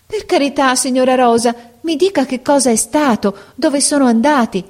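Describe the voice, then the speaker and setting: A woman's voice: a little high, big pitch swings, moderate pace, warm tone, voice pushed up. A woman reading aloud voices a naive, frightened young servant girl with an anxious, pleading way of talking.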